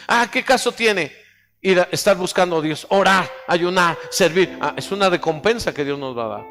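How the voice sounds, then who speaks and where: A man preaching a sermon in a high voice, leading the congregation in call-and-response. His words ring out through a large church hall with a long echo. Soft instrumental music plays faintly underneath. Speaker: pastor.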